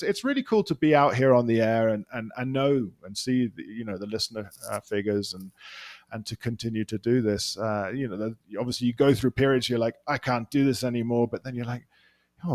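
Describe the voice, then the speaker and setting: In a casual interview chat, a London-accented podcast guest from England rambles, often restarting and using fillers. He has a mid-range, darkish voice, recorded without echo.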